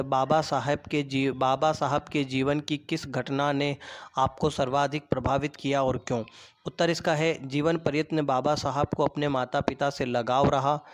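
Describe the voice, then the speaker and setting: Patient male teacher, higher voice. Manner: explains words, pauses for pupils to repeat; patient, repeats himself, frequent restarts. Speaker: school teacher. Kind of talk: online class lesson.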